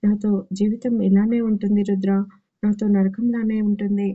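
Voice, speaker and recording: A woman voicing a proud, quick-tempered young woman who scolds and pleads in an audio story. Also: mid-range voice, level tone, narrow, tinny audio, lightly acted. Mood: earnest. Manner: sharp, scolding.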